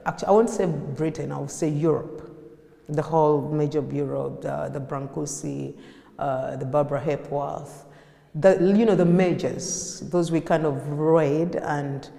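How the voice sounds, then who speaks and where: A woman in her thirties with a Ugandan accent, an artist recalling her life story in a reflective, unscripted interview, pausing and restarting often. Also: low voice, creaky, mellow. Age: 30s. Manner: reflective, with frequent fillers and restarts. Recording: echoey room with long reverb.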